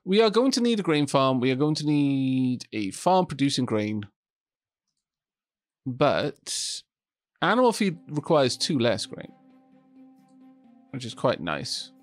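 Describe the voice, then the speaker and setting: A young Welshman with a medium-pitched, very animated voice chats and thinks aloud while streaming a building game, going slowly with frequent pauses and small restarts. It's casual gameplay commentary from his home streaming setup in Scotland, recorded dry with clean studio sound and faint music in the background.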